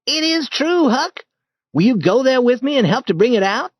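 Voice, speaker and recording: A man voicing an eager, bold boy who leads an adventure in a storybook reading, in a lively and urgent manner. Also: very high-pitched, normal speed, no room sound, voice pushed up, full character voice. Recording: dull dry lo-fi recording.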